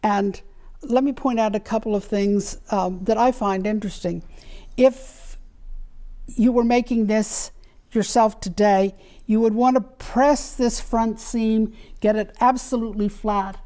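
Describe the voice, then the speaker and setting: A woman guest in a show-and-tell chat, explaining antique sewing and fabric details one by one. She takes her time, speaking at an unhurried pace. Her voice is soft and mellow. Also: on the high side, fairly even intonation. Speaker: doll collector guest.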